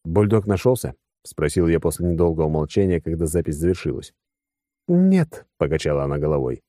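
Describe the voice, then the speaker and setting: Dark-voiced wry audiobook narrator, man. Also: extremely low pitch, flat delivery, fast talker, dry recording, studio quality. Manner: wry, sardonic asides. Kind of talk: first-person audiobook narration.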